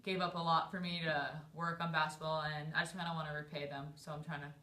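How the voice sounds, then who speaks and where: A woman's voice: deep voice, level tone, fast, bright, forceful tone. A young adult woman giving casual interview answers as a student athlete. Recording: echoey room.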